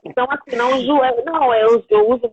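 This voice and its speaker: Brazilian female host, husky voice, dry phone-quality audio. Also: sits high, fast, darkish tone, dry recording. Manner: earnest, conversational, quoting family. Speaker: host, spiritual house leader. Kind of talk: live-stream conversation. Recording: tinny phone-like line.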